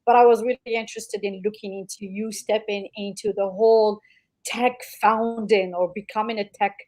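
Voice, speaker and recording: A woman hosts a podcast interview in a casual, effusive, chatty way, dropping frequent fillers. Her mid-range voice has a darkish tone, fairly even intonation, and normal speed.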